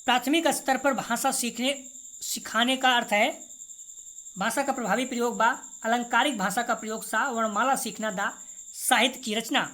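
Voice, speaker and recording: Slightly high and fairly bright, this woman's voice belongs to a teacher going through multiple-choice exam items. She restates each right answer and keeps things casual, speaking straight to her class.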